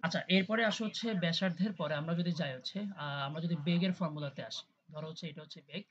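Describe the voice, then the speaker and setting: A tutor talks through an online class at an average pitch, switching into English terms and often asking if everyone is following. The voice comes over a video call. The sound is dull and lo-fi with a faint hiss underneath. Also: fast. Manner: conversational, often checks in with students; mixes English terms into explanations. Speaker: chemistry tutor.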